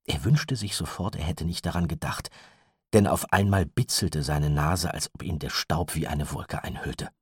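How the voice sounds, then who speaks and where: A man narrating a children's novel in an expressive storytelling manner. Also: a bass voice, moderate pace, husky, no room sound, clean studio sound. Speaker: audiobook narrator.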